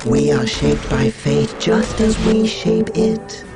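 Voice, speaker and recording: A man's voice: fairly high pitch, expressive, slow, gravelly, heavily acted. A man playing a solemn, serene alien mystic builder in a video game, with lofty, formal phrasing. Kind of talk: scripted video game unit voice lines. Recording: game audio under loud music.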